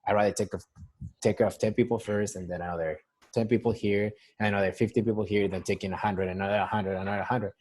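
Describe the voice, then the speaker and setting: A man's voice: on the low side, fairly even intonation, quick pace, a little mellow. A young man from Mexico with a Mexican Spanish accent, working as a nurse and talking casually on a phone call in a rambling way, full of restarts. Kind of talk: casual interview over a call. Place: San Diego.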